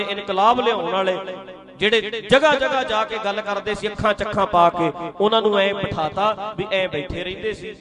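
A man from Punjab, India, preaches a Sikh sermon to a congregation, lively and teasing as he throws rhetorical questions at his listeners. His voice sits high.

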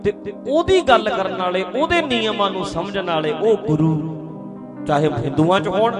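A man giving a sermon in a storytelling way, now loud and now soft. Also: sits high, lively intonation, moderate pace. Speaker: preacher. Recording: music behind the voice.

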